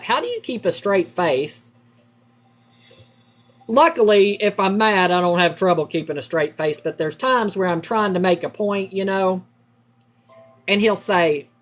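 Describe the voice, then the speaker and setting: A middle-aged woman, chatting casually with livestream viewers while she crafts and telling family stories in a lively, animated way. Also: measured pace, soft background music. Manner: lively, acts out quoted family members with big pitch jumps.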